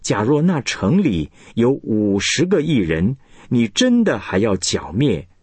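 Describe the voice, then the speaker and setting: A man's voice: medium pitch, huge pitch swings, unhurried, darkish tone, slightly rough, dry recording, exaggerated voice. A man reading scripture aloud, voicing an elderly man earnestly imploring his God. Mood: pleading.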